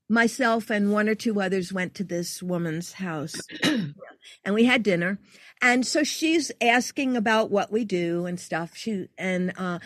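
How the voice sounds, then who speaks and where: A woman's voice: medium pitch, dry recording, studio quality. An older woman, a guest artist, telling a story in casual conversation and acting out the quoted lines. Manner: animated, acts out quoted dialogue.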